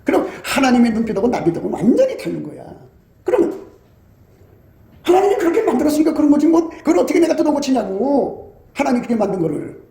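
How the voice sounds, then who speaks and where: A man's voice: very high-pitched, sing-song, quick pace, vocal fry, dark tone, echoey room. A man preaching a sermon in an emphatic, scolding way, acting out quotes as he goes. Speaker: pastor.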